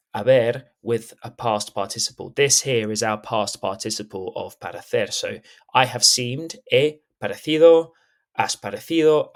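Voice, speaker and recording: Methodical man teaching a grammar lesson. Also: mid-range voice. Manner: clear, methodical, checks in with "okay?". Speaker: Spanish teacher. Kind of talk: screen-recorded grammar lesson.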